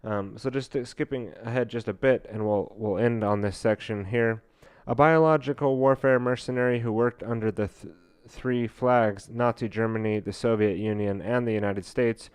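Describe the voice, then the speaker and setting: Male podcast host reading and commenting, smooth resonant voice, dry close sound, halting with fillers. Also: medium pitch, a little mellow, dry recording. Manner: halting, many fillers and restarts while reading.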